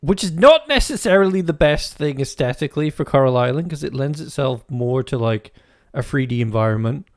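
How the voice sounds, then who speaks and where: A man's voice: mid-range voice, expressive, a little fast, hardly any pauses, no room sound, clean studio sound. A man giving casual, crude, joking commentary while playing a farming game, rambling and often restarting his sentences. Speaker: gaming video host. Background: faint game music.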